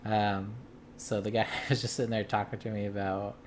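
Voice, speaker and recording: A man from the US Midwest with a lowish voice tells a story in relaxed, rambling vlog chat. He fills the gaps with ums and uhs and restarts his sentences, sounding amused by it all. A faint room ambience sits behind him. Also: moderate pace, slight background noise. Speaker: video game collector vlogger. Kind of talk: casual chat.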